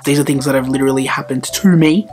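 Animated man doing a comedy vlog. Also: medium pitch, quick pace, faint music behind. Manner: animated, exaggerated, jokey. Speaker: vlogger.

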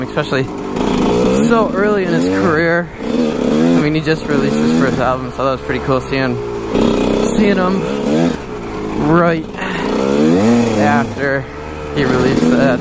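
A young man rambles through a story with plenty of ums and uhs, his voice a bit gravelly. He is talking into an action camera while riding a dirt bike through woods and fields. The roar of the engine and wind sits loudly under everything he says. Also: medium pitch. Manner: rambling, filler-heavy, relaxed. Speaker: vlogger. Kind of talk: casual storytelling. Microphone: helmet or handlebar action camera. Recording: loud engine and wind noise. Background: motorcycle engine.

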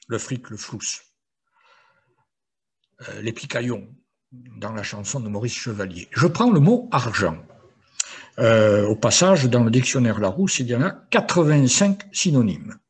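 Older man lecturing, lively and husky. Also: mid-range voice, a little slow, pauses often. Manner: lively, playful lecturing with frequent hesitations. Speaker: retired university professor. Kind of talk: university lecture.

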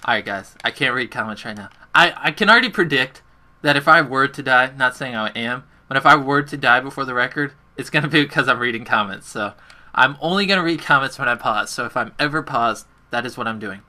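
A young man with a very bright, forward voice chats through a live gaming session from his bedroom. He is casual and self-deprecating, talking to his viewers while he plays. Keys clack faintly in the background. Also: mid-range voice, lively intonation, brisk. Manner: chatty, self-deprecating, talks to chat while playing. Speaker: gaming livestreamer. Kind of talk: casual live gameplay commentary. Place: bedroom at home.

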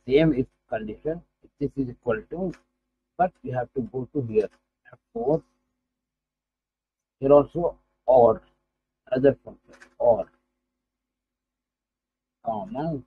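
Muffled Indian man dictating tutorial steps. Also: slight background noise. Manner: dictating steps aloud piece by piece, with repeats. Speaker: spreadsheet tutorial instructor. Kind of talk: screen-recorded software tutorial. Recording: muffled, low-fi, phone-like microphone sound.

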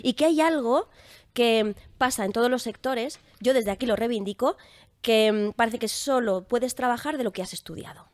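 Young woman, casual podcast guest, lively, chatty, dry close sound. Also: on the high side, normal speed, no echo. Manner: lively, chatty, laughs often. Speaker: guest actress.

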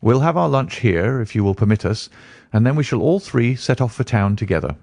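A man voicing a sharp, commanding male detective who speaks briskly and insistently. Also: medium pitch, expressive, creaky, no echo, clean studio sound, pitched above the performer's own voice.

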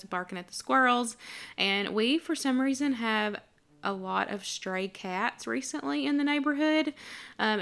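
Bright, crisp woman vlogger. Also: mid-range voice. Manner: chatty, friendly, laughs easily. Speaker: homemaking vlogger. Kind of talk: casual voice-over narration.

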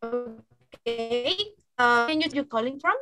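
A woman's voice: fairly high pitch, takes it slowly, over music. A young woman hosting an online youth show over a video call, upbeat and encouraging as she welcomes guests. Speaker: show host.

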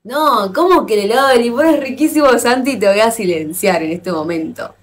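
A woman with an Argentine accent chatting casually with viewers on a live stream, playful and quick to exclaim and laugh. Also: fairly high pitch, animated. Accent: Argentine Spanish. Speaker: livestreamer.

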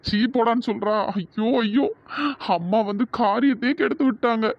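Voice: mid-range voice, normal speed, creaky, no echo, close to an everyday voice. A performer voicing a pushy, lovestruck young man who is insistent and exasperated. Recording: dull, dry lo-fi audio.

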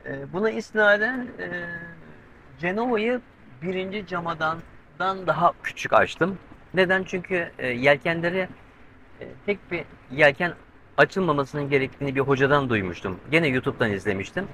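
A middle-aged man vlogs alone from the covered cockpit of his sailboat at sea, chatting casually to a pole-mounted handheld camera and explaining things step by step while nervously watching the weather. His voice is fairly high and bright, with a pushed, lively intonation at normal speed. The low-quality recording carries a little hiss or hum.

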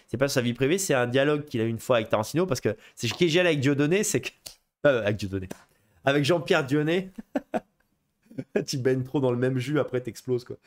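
A man hosting a live film show, chatting casually and rambling with lots of fillers, restarts and casual swearing. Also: on the high side. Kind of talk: casual live chat about films.

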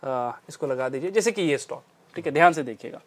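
His voice is a little high and animated, and he speaks fairly quickly. The man is a trading instructor going over a stock trading strategy on a chart, emphatically stressing and repeating his central phrases.

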